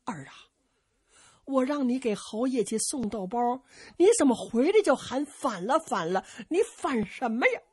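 A woman's voice: a little high, animated, moderate pace, slightly rough, dry recording, clean studio sound, voice pushed up. A woman voicing a worried old peasant mother scolding her son in an anxious way.

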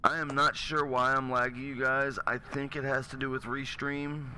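A man's voice: mid-range voice, little pitch movement, moderate pace, bright, forceful tone, slight background noise, low-quality recording. A man hosting his stream of a group game, chatting casually and teasing friends. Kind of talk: casual gaming chat.

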